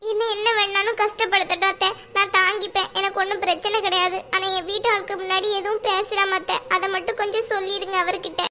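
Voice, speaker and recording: A woman's voice: extremely high pitch, flat delivery, fast talker, hardly any pauses, pushed and bright. A woman voicing an anxious, pleading young wife in a cartoon. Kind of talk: cartoon voice acting.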